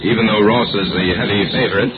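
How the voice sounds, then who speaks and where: An actor playing a reasonable, steady, friendly hero with a measured manner in a 1940s style radio drama. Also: male voice, fairly low pitch, close to an everyday voice. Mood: genial. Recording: dull, very noisy old radio recording.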